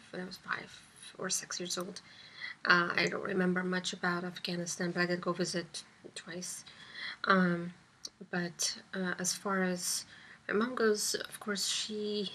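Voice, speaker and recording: A woman's voice: mid-range voice, a bit bright, a little hiss or hum. A sleepy-sounding woman giving casual political commentary to camera, rambling with many ums and dropping into whispery asides. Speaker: vlogger and public access show host.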